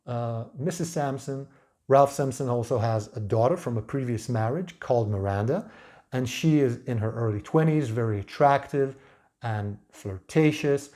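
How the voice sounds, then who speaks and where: A man talking through a book review without a script, in a measured, hesitant way with pauses mid-phrase. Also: medium pitch, darkish tone. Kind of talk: unscripted book review talk.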